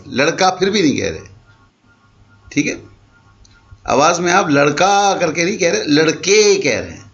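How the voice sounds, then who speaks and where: A man's voice: fairly high pitch, a bit bright, highs cut off. A man teaching an Arabic grammar class in Urdu, explaining patiently and mixing in English terms. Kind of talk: online class lecture.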